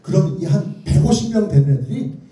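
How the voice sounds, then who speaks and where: With soft music playing in the background, a children's author and lecturer leads a theatrical, story-driven lecture, asking listeners to choose between two options. His voice is high, warm, animated and fairly quick. The room echoes strongly and the microphone is far away.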